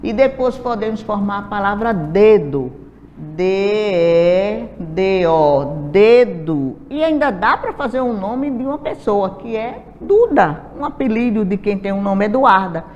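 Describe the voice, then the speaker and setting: A woman teacher from Brazil giving a slow classroom lesson, sounding out syllables and letters one by one with patience. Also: medium pitch, lively intonation. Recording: dull lo-fi audio, faint hiss, reverberant room.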